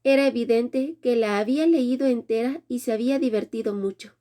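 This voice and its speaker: A woman reads a first-person romance story aloud in a measured, dramatic way. Her voice sits a little higher than most women's, yet the tone stays soft and mellow. She carries the narration steadily at an even pace. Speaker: audiobook narrator.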